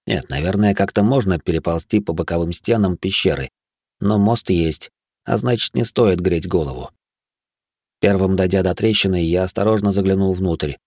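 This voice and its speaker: A man with a fairly low voice reads a first-person adventure audiobook, with a dry, wry edge. The recording is close and dead, with no room sound. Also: darkish tone, no echo. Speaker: audiobook narrator.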